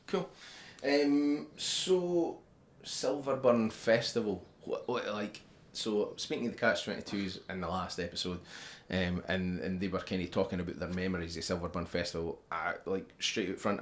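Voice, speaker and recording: A man with a Scottish accent and a fairly low voice leads a casual chat as interviewer. He talks in a loose, rambling way, circling round his point. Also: moderate pace, few pauses. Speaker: interviewer and festival organiser.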